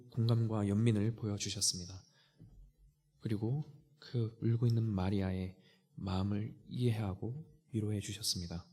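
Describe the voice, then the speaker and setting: A man preaching a sermon earnestly, often dropping to a hushed, near-whispered voice when quoting. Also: medium pitch. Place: church sanctuary. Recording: church hall reverb.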